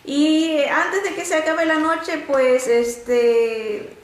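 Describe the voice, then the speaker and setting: A woman teaching a Bible lesson through stories, animated and often pausing on "este" and restarts. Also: reverberant. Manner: animated storytelling, often rising in pitch to act out quotes; frequent filler "este" and restarts.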